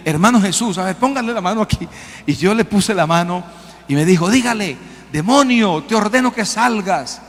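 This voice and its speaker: A man preaching a sermon and telling stories in a lively, animated way, acting out the voices he quotes. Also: on the high side. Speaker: pastor. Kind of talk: sermon with storytelling. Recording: long hall reverb.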